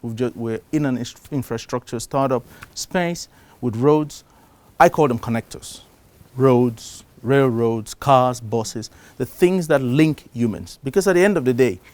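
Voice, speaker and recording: A middle-aged man from Cameroon giving a live talk to a conference audience. He gets louder to stress his points, then drops down again. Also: mid-range voice, normal speed, few pauses, no room sound. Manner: animated, shifts loudness for emphasis. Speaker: conference speaker. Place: conference stage before an audience.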